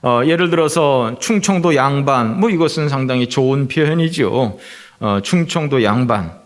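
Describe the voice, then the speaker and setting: A middle-aged man from Seoul preaching a Sunday sermon as pastor in a church, pausing often with filler sounds. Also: medium pitch, lively intonation. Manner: frequent filler sounds and drawn-out hesitations. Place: church sanctuary.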